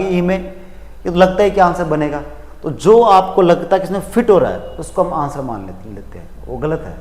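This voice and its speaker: Indian man teaching English, echoey room. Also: fairly high pitch. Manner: lively, addresses students as kids, mixes English terms into Hindi. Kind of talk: exam coaching lecture. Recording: echoey room with long reverb.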